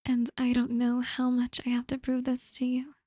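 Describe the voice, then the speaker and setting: A woman playing a possessive, manipulative girlfriend in an ASMR role-play, soft and breathy, with a creepy, coaxing, controlling manner. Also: sits high, monotone, moderate pace, no echo, studio quality. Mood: quietly menacing. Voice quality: soft, breathy, often soft-spoken. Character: possessive, manipulative yandere girlfriend, sweetly menacing.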